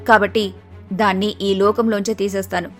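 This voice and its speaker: A woman voicing a scheming, cruel older mother-in-law in an animated story, plotting in a spiteful tone. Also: mid-range voice, normal speed, faint music behind, close to an everyday voice.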